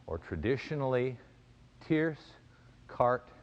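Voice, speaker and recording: A man giving an instructional fencing demonstration, explaining in a measured way and calling out crisp, clipped commands as an instructor. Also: medium pitch, big pitch swings, highs cut off. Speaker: fencing and self-defense instructor.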